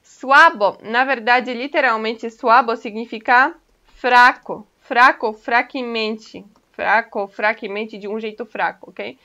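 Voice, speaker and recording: Bright-voiced woman teaching a language. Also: a little high, steady tone, slow. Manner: patient, explains step by step, often checks in with "ok?". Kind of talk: casual online language lesson. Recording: dull lo-fi recording.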